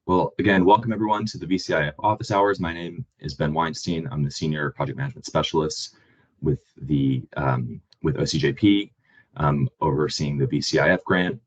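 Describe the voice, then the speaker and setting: A man with a very deep, husky voice hosts an online presentation, hoarse from a cold. He talks in a plain, halting way with many ums. The call audio is dull and lo-fi. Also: fairly even intonation. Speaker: webinar host and grant manager.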